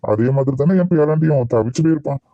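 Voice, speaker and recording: A man's voice: fairly high pitch, fast, dark tone, muffled recording, lightly acted. A man voicing an elderly grandparent in a cartoon, speaking with concern about the grandson.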